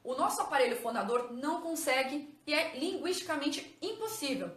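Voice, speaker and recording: In an echoey room, a teacher and educational psychologist patiently explains a lesson to viewers in a high, expressive voice at normal speed. She calls them "gente" and checks in as she goes with "ok?" and "tá vendo?".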